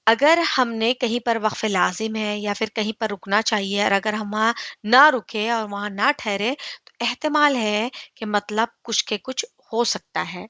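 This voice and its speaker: A woman teaches Quran recitation in an online lesson, speaking patiently, asking her class questions and answering them herself, and drawing out recited words very slowly. Her voice is mid-range with a sharp tone, and the audio is dull with no echo.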